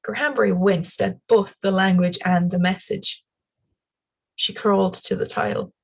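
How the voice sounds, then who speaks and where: A woman reading a novel aloud in a calm, measured way. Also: mid-range voice, vocal fry, slightly rough. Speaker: storyteller.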